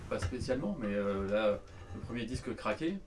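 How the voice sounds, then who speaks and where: A man's voice: fairly low pitch, lively intonation, normal speed, a little mellow, slight background noise. A man in a casual chat, patiently explaining vinyl wear with hesitant fillers.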